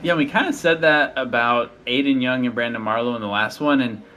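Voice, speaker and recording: A man's voice: mid-range voice, fairly quick, sharp tone. A man giving live motorsport commentary in an informal, chatty, conversational way.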